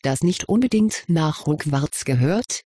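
A reader voicing a curious, kindly male wizard professor in an audiobook, questioning gently with mild amusement. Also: mid-range voice, animated, measured pace, slightly rough, dry recording, clean studio sound. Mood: probing. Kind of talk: audiobook character reading.

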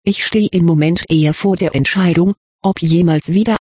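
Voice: medium pitch, moderate pace, darkish tone, slightly rough, no echo, studio quality, close to an everyday voice. A reader voicing a troubled, self-doubting teenage schoolboy, in a storybook reading. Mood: brooding. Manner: subdued, musing.

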